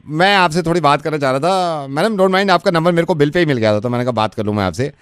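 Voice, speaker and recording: A man's voice: on the high side, fast talker, smooth, no echo, studio quality. A man hosting a radio prank call, playing innocent while he needles the person on the line. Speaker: radio host making prank calls.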